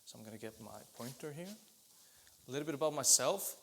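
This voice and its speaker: A man's voice: mid-range voice, a little fast, gravelly, slight background noise. Man giving a conference talk. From Iceland. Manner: steady explanatory delivery with occasional restarts. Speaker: business development lead presenting at an industry event. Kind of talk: conference presentation.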